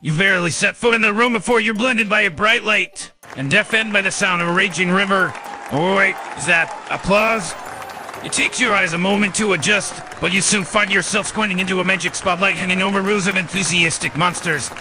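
A man's voice: high-pitched, fairly even intonation, a little fast, crowd noise, background noise. A man reading scripted fantasy adventure narration. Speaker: scene narrator.

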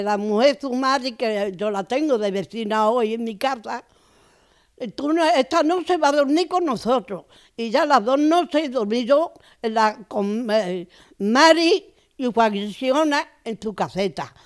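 A woman's voice: sits high, smooth. An older woman with an Andalusian accent, a podcast guest who tells personal stories and acts out the people in them. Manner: lively, acts out the voices in her stories. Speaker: interview guest. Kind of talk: anecdotal storytelling.

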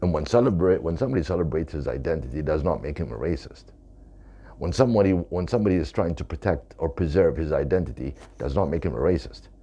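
Very deep gravelly man, emphatic. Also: animated, fast talker, mellow. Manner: emphatic, repeating points. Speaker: author. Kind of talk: talking to camera about his book.

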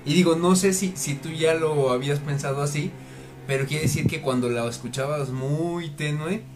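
Low-voiced woman in casual chat. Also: moderate pace, music in the background. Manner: conversational, checks and sums up what she hears. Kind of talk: casual conversation.

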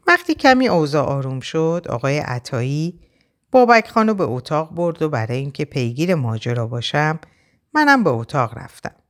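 A woman reads a novel aloud in the first person with a low voice. Her pitch rises and falls a lot, which makes her storytelling sound expressive. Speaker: narrator. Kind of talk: audiobook reading of a novel.

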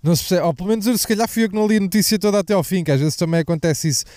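A man's voice: sits high, rapid-fire, darkish tone, dry recording, clean studio sound. Profane, rambling young Portuguese man. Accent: European Portuguese. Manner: profane, jokey, digressive. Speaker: podcast host. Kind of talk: casual rambling monologue. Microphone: mic slipping away from the mouth at times.

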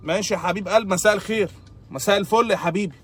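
A man's voice: high-pitched, rapid-fire, a bit bright, husky. A man with an Egyptian accent, delivering a comedic monologue in an exasperated, sarcastic complaining tone. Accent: Egyptian Arabic.

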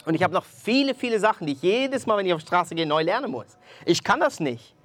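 A man preaching, telling a testimony in an animated storytelling way and speaking straight to his listeners. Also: high-pitched, fast, no room sound, faint music behind. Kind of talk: sermon testimony.

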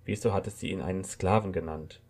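A man narrating a short story in a calm, measured reading. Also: low voice, breathy edge, faint music behind.

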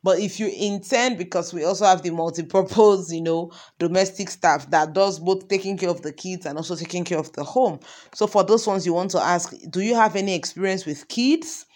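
A woman's voice: fairly low pitch, fairly quick, darkish tone. A woman teaching an informal parenting lesson, talking conversationally with many example questions. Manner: conversational, asks many example questions, frequent ums and you knows.

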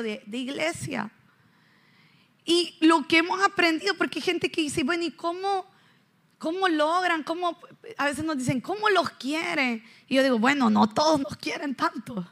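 A woman pastor in her thirties preaching in church, telling animated stories and asking the congregation questions. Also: sits high. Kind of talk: sermon.

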